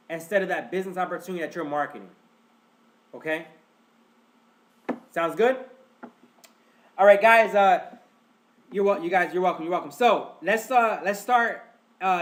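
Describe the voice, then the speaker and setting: Hosting a casual live webinar, this man sounds congested and keeps calling his audience "guys." His teaching is chatty and repetitive, delivered in a high-pitched, fairly bright voice.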